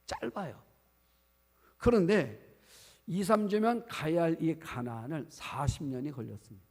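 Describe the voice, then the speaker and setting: A male pastor delivers a sermon in a church sanctuary, posing questions to his congregation along the way. His fairly high, darkish voice is animated yet unhurried, and the recording carries the long reverb of a church hall.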